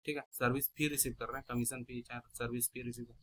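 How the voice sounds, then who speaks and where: An Indian man lectures an accounting class, explaining terms by posing questions to his students, answering them himself, and repeating key vocabulary. His mid-range voice stays level in tone and moves fast, and the recording is rough.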